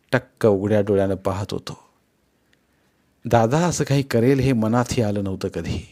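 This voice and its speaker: Man reading a grave novel aloud. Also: lowish voice. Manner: expressive, grave storytelling. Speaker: audiobook narrator. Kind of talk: dramatic first-person novel reading.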